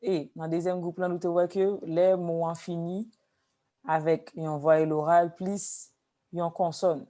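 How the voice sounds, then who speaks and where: A woman teaching a language class, explaining slowly with repeated examples. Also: fairly low pitch, flat delivery, dark tone. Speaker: Haitian Creole teacher.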